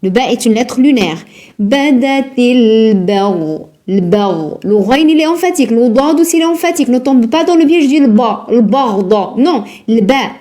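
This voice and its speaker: A woman teaching Quran recitation rules in a live lesson, patient and repetitive, drilling words slowly and asking her students questions. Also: high-pitched, expressive, warm tone. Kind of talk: live online tajwid lesson.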